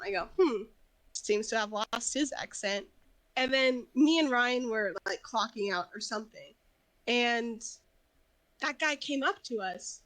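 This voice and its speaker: A high-pitched woman co-hosting a podcast, chatting and recounting old work stories. She laughs freely between phrases. The sound is close and dry. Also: a bit bright, dry recording, poor audio. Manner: laughs often, chatty storytelling. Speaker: podcast co-host. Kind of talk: casual chat.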